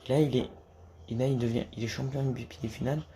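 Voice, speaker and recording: Guy chatting casually about hoops, lots of restarts, kinda dark voice, a bit of hiss in the room. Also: medium pitch, fairly even intonation, quick pace. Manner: hesitant, many restarts and fillers, swears casually. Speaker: basketball YouTuber. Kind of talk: casual rambling monologue to camera.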